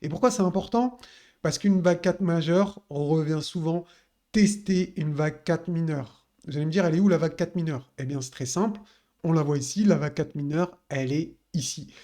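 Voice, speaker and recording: Casual crypto analyst, mellow voice. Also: male voice, on the high side, normal speed. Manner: casual, addresses viewers directly with frequent fillers. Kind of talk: chart analysis walkthrough.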